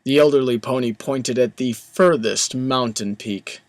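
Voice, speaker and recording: A man narrates an audiobook, reading scripted fan fiction in a mid-range voice at an unhurried pace. The voice itself sounds dry, though clearly noisy ambience runs in the background.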